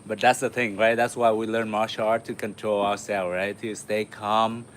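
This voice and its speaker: A man from Vietnam hosting a martial arts livestream, chatting casually with viewers while he warms up, with lots of uh fillers. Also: fairly low pitch, normal speed, a little hiss or hum. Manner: relaxed, chatty, many uh fillers, laughs often. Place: home in the city.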